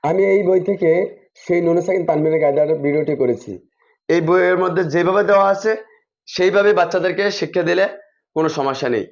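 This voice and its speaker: A man's voice: high voice, fast. A man teaching teachers how to drill children in reading, methodical and repeating set spelling patterns. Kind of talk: instructional explanation for teachers. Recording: dull lo-fi recording.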